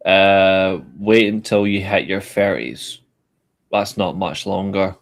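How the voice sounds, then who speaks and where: This is a man in his late twenties with a lowish voice. He chats casually on a podcast, blunt and joking, and he swears freely. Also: steady tone, takes it slowly, creaky. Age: 20s. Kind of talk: casual chat.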